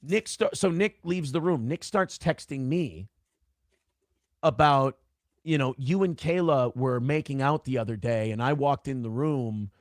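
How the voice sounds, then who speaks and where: A man's voice: medium pitch, measured pace, no room sound, clean studio sound. A man telling a long personal story on a live call-in show, casual, profane and rambling. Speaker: guest telling his story.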